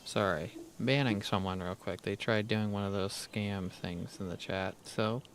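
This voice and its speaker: A man livestreams a game, thinking aloud and half-muttering his plans as he plays in casual commentary. His voice is on the low side, fairly even in intonation and unhurried, with a crackly quality from a dry throat.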